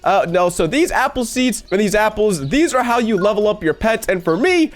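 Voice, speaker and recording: A man's voice: high-pitched, expressive, moderate pace. A man hosting a gameplay video, talking to his viewers in a chatty, upbeat way with a stuffy nose from a cold. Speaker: gaming channel host. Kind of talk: gameplay commentary.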